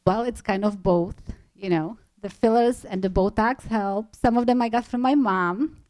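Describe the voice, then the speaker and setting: A woman's voice: mid-range voice, normal speed, darkish tone, no room sound. Czech-accented woman nurse practitioner. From Czech Republic. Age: 40s.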